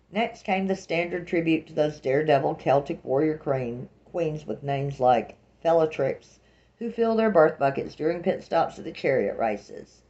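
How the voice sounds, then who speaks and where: A woman's voice: low-pitched, warm tone, lo-fi sound. A woman from Alabama with a Southern accent, reading a first-person novel aloud with a dry, wry delivery. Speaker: audiobook narrator.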